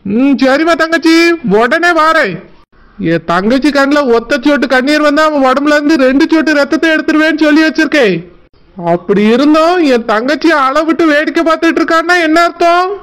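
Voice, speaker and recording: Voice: high-pitched, brisk, a bit bright. A voice actor doing a fuming protective big brother. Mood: furious. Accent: southern Tamil Nadu village speech. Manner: agitated, threatening. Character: hot-tempered protective older brother.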